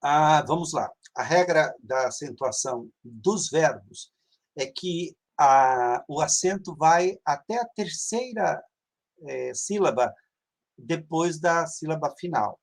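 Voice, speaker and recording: A man's voice: fairly high pitch, lively intonation, takes it slowly. Guy teaching over a video call, patient, recites endings over and over, says "é" a lot. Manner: explains patiently, drills word endings aloud with fillers. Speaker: Greek teacher and reverend. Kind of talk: online class lecture.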